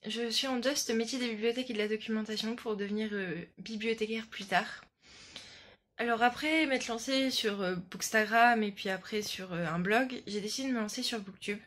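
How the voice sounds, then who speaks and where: A woman's voice: a little high, moderate pace, fairly bright tone. A young woman in her late teens with a French accent, chatting casually and enthusiastically about her favourite books, with many fillers, filmed on a phone in selfie mode. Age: young adult. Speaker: book vlogger. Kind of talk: casual chat.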